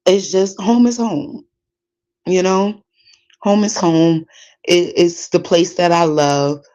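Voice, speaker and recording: A woman in her forties with a Brooklyn New York accent, hosting a podcast in casual chat, animated, laughing often and digressing. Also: fairly low pitch, slow pace, highs cut off. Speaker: podcast host. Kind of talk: casual chat reading listener comments.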